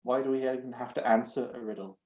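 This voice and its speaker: A man's voice: medium pitch, quick pace, darkish tone, close to an everyday voice. A man voicing a blunt, sarcastic young woman adventurer with a dry, dismissive way of talking. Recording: echoey, dull home recording.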